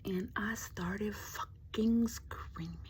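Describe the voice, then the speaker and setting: A woman host telling a true ghost story in casual chat, sometimes dropping to a hush for the spooky parts, in her dark bedroom at night. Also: mid-range voice, slow, in a whisper.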